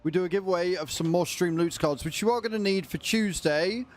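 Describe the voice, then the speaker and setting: A man's voice: sits high, fairly quick. A man livestreaming a video game, chatting casually and informally with his viewers. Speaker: livestreamer, gamer.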